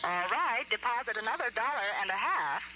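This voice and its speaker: A courteous, measured telephone operator speaks to the caller over a payphone line in a vintage radio play. Her pitch moves in a lively way as she recites the routine phrases. Steady hiss runs under the old 1940s broadcast recording. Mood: businesslike. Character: polite, businesslike female telephone operator. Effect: heard over a payphone line. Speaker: long-distance telephone operator. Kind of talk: 1940s radio drama acting.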